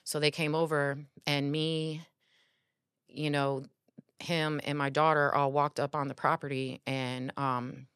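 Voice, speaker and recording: Woman in her forties, podcast guest, earnest storytelling, deep voice, dry close sound. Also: a little slow, smooth, no room sound. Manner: earnest, animated, many filler words. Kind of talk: casual conversational storytelling.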